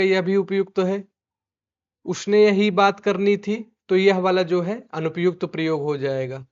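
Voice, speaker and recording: With a high-pitched, clean-toned voice, a male Hindi teacher goes through the answers to an exam, asking questions aloud and repeating the answers in drill fashion. The recording sounds dull and lo-fi.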